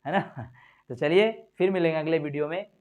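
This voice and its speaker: A male English teacher slowly drilling letter sounds and repeating each one patiently, addressing viewers as friends. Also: fairly high pitch, narrow, tinny audio. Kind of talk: slow phonics drill lesson.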